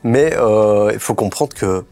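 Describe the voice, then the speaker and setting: A man interviewing a guest in a relaxed way, asking short prompting questions. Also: on the low side, unhurried. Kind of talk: casual interview.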